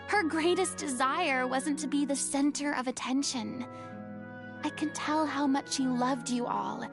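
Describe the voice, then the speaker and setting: A commanding young woman in a video game who lectures sternly. Her voice sits high. Game music plays clearly behind her.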